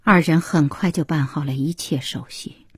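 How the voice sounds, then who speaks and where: A woman narrating an audiobook in a slow, soft and intimate way. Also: sits low, steady tone, slightly rough, dry recording, clean studio sound.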